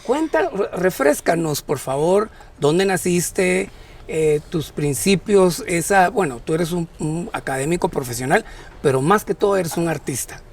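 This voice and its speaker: A male co-host from Guatemala chats in a playful, joking way, often restarting his sentences. His voice sits high and sounds husky. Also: expressive, measured pace. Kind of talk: casual talk show chat.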